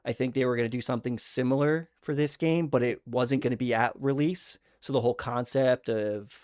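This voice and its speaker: A man hosting a casual gaming chat stream, excitable and loose, saying dude and man a lot. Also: mid-range voice, brisk, no room sound, studio quality. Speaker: podcast host.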